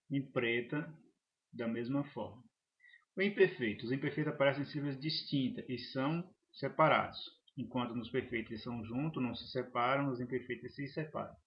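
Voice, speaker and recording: A man teaching a grammar lesson, halting and restarting phrases as he explains examples. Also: mid-range voice. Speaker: Portuguese teacher.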